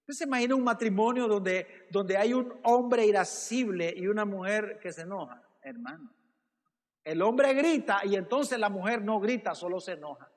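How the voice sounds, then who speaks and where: A man with a notably high voice preaches a sermon as pastor. He keeps addressing the listeners as brother and throws out rhetorical questions. His voice rings with the long reverb of a church hall. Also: lively intonation, moderate pace.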